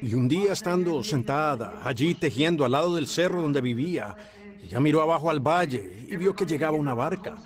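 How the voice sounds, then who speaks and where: A man delivering a sermon in a high, lifted voice, swinging from quick storytelling to slow, shouted emphasis. A congregation is clearly heard in the background. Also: lively intonation, a crowd in the background. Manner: fervent preaching, rising to shouts, drawn-out emphatic phrases. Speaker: preacher.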